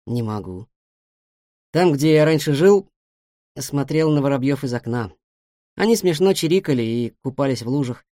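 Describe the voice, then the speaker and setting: A woman voicing a reserved grown male cat in a storybook, answering quietly and briefly. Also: very deep voice, expressive, normal speed, long pauses, dry recording, clean studio sound. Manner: quiet, short and reticent replies. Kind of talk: storybook reading.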